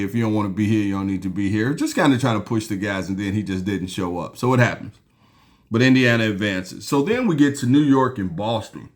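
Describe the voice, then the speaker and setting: Guy hosting a hoops show, kinda low voice, chill and rambly, lots of ums. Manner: relaxed, rambling, with frequent ums and restarts; sipping a beer while talking. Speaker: basketball podcast host. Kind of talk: casual solo sports talk.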